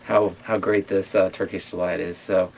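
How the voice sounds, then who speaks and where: Halting low-voiced man hosting a taste test. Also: level tone, creaky, darkish tone. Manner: hesitant, many fillers and restarts. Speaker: ministry owner and host. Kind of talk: casual chat and taste test.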